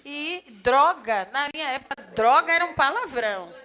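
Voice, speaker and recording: Speaking at a normal pace in a high voice, a female grammar teacher delivers a lively, chatty classroom lecture for a civil service exam course. She frequently flags points with "ó," talks with the students, and performs small dialogues.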